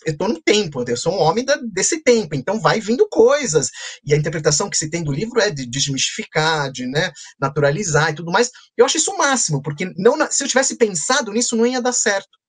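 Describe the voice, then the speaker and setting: A man, a children's book author, telling playful stories in an animated way during a conversation. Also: high voice, breathy edge. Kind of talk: storytelling in a conversation.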